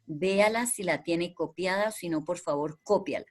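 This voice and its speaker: Teaching a primary class remotely by video call, a woman stays patient and even, going over the key words repeatedly to fix them in the children's minds. Her voice is lowish and her pace normal.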